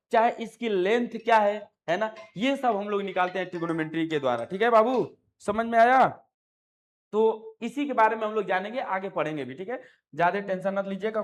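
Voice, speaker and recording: A male maths teacher explaining a lesson, coaxing his students with affectionate call-and-response questions and repeated check-ins. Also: high-pitched. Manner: affectionate, repeats "है ना" and "ठीक है बाबू". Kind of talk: classroom explanation.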